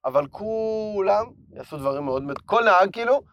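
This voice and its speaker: A hoarse man talking with animated enthusiasm in a casual chat. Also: high voice, dull audio.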